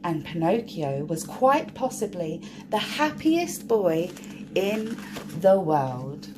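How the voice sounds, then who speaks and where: Background noise accompanies a woman telling children's stories, her lowish voice sing-song and slow. She reads a picture book aloud expressively to young children, lingering on key words and speaking to her listeners.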